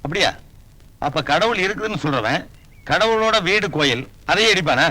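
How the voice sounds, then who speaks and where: A man's voice: high voice, expressive, moderate pace, sharp tone, no room sound, full character voice. An actor playing a god visiting earth as a man, who asks innocent, wondering questions in a Tamil film comedy. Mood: curious.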